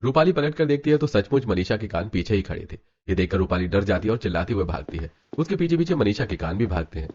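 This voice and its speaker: A man narrating a scripted animated story in a brisk storytelling manner. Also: on the low side. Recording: dull lo-fi with music.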